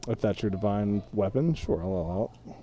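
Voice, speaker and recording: A man's voice: fairly low pitch, expressive, moderate pace, a crowd in the background. A man running a tabletop game as game master, patiently explaining the rules to his players.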